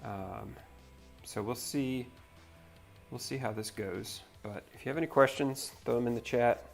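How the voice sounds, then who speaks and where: A man's voice: mid-range voice, measured pace, gravelly, soft background music. A man from North Carolina hosting a livestream, chatting casually and rambling in a laid-back way as he builds. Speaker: livestream host. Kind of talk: casual chat while building.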